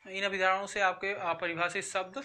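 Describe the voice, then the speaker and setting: A man walks students through a school maths exercise, with a very bright, sharp edge to his voice. He goes slowly, repeats key phrases and keeps checking in with a quick "okay". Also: high voice, level tone. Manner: addresses students as children, repeats and checks with "theek hai". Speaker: maths teacher. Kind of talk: classroom-style maths lesson.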